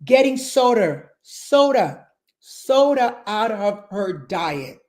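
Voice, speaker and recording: A woman's voice: medium pitch, very animated, takes it slowly, darkish tone. A woman in her sixties, a fitness and nutrition coach, speaking emphatically as an interview guest and repeating phrases to drive points home. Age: 60s.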